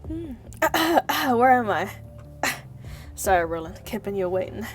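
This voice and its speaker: Playful woman streamer, high animated voice. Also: slow. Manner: playful, giggly, exclaims in mock scolding at viewers. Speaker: live streamer. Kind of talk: chatty game livestream, thanking viewers and reading story text aloud. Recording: music playing behind the voice. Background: music.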